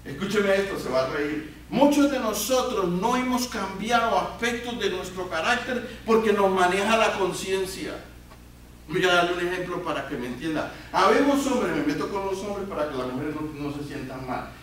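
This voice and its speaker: High-voiced preacher in a booming echoey church. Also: male voice, expressive, normal speed. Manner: call-and-response questions to the congregation; swings between loud emphatic peaks and quiet low asides. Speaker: pastor. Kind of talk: sermon. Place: church sanctuary. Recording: very echoey church hall, voice from far off, faint hiss.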